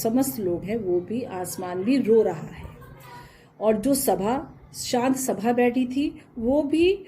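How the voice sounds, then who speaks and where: A woman teacher who reads poem lines slowly, then explains them in plain with glosses. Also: medium pitch, warm tone, slight background noise.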